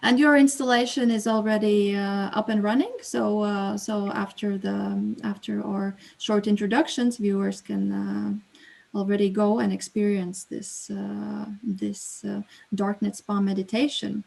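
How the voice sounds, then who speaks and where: Reading from a prepared statement, this curator launches an online exhibition via video call, then moderates hesitantly, using fillers when unscripted. Her mid-range voice barely shifts in pitch and is unhurried, creaky, and somewhat mellow.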